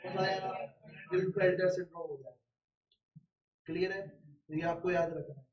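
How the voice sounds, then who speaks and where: A man gives a casual biology lecture, firing questions at his class and answering them himself with everyday examples. His voice sits high and carries around a roomy, echoing space. The recording is distant from him and dull in tone. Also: normal speed. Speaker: biology teacher.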